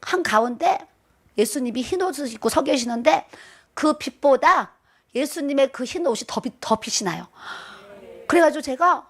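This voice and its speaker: High-voiced woman preaching a testimony. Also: expressive, moderate pace. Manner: dramatic storytelling, quizzing the audience. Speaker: pastor's wife preaching. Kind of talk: sermon with personal testimony.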